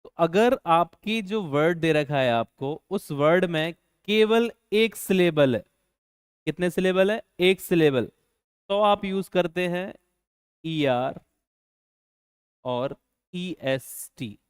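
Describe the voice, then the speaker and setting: A man's voice: high-pitched, expressive, takes it slowly, clean tone, no room sound, studio quality. A man teaching a grammar lesson, asking his students rhetorical questions and repeating key points. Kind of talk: classroom-style grammar lesson.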